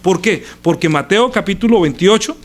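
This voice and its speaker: Animated and high-pitched, this preacher moves at a moderate pace through a live-streamed sermon. He reads scripture, repeats phrases, and swings between booming emphasis and whispered lines.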